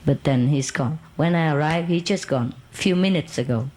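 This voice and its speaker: A woman's voice: deep voice, normal speed, a little mellow, poor audio. Woman rambling through an old story, laughs a lot, broken english. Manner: rambling, laughing, non-native English grammar. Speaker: speaker telling a personal story. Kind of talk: casual storytelling.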